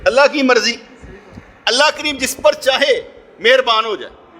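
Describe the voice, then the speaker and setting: A middle-aged man with a Punjabi accent delivering a Friday sermon, telling stories and acting out voices, moving between loud calls and hushed asides. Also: extremely high pitch. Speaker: preacher.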